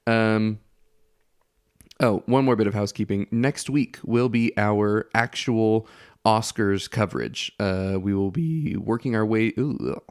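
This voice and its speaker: Low-voiced man with a stuffy, congested nose. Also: measured pace, darkish tone, dry recording, clean studio sound. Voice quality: nasal, congested. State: head cold, blocked nose. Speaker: podcast host. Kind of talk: casual podcast hosting.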